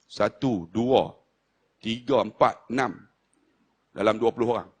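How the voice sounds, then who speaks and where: A man with a northern Malaysian Malay accent preaching a sermon to a live congregation. He swings between loud, teasing calls to the crowd and low, hushed storytelling. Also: unhurried, slightly rough.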